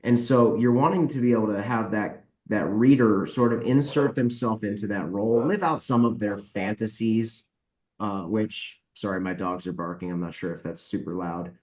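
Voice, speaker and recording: A book publisher appears as a guest on a podcast, answering questions bluntly and explanatorily in a casual interview. His voice is lowish and darkish in tone, at a moderate pace, and the room he's recorded in is echoey.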